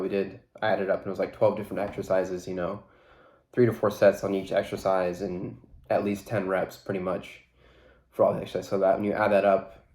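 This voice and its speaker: A man hosts his own fitness podcast alone, talking casually in a relaxed, rambling way full of fillers. His lowish voice sounds stuffy and congested from a blocked nose, and the room is echoey.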